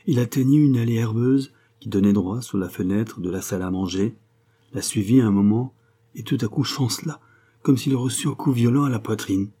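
A man narrating a classic novel in a measured, expressive audiobook reading. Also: fairly low pitch, slightly rough.

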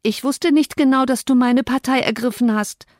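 A proud, tearful young woman pleads in raised, wavering outbursts, as a female reader puts her on. The voice sits clearly higher than the reader's own and swings between pleading and crying out. The recording is dry and close, with no room sound. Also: steady tone, normal speed, a little mellow, dry recording, close to an everyday voice. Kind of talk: audiobook character voice.

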